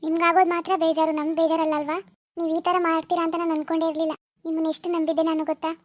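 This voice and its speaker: A woman voices a wounded village girl rejecting her lying lover over the phone in an amateur drama, her words bitter, reproachful and refusing. She speaks very fast in a very high, monotone voice, with no room sound.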